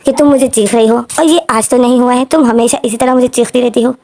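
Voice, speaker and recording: Whiny stubborn young guy, pleading, woman doing him in a high mellow voice. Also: steady tone, fast, lightly acted. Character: dreamy young man, stubborn, whiny with his parents.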